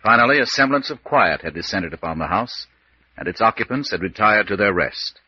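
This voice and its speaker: A man's voice: fairly low pitch, lively intonation, fairly quick, husky, dry recording. Muffled old-radio male mystery narrator. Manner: dramatic, solemn. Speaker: announcer-narrator. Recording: muffled lo-fi radio recording with hiss.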